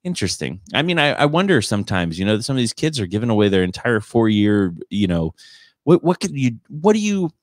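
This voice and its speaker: A man's voice: mid-range voice, very animated, brisk, no echo, studio quality. A man hosting a podcast in casual chat, telling stories in a rambling, teasing way. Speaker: podcast host and stand-up comedian.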